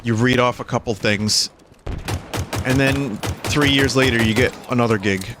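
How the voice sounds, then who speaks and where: Gunfire from the game sounds behind a man who talks wryly and ramblingly as he streams, just chatting casually while he plays. He has a mid-range voice, speaks at normal speed, and the background is noisy.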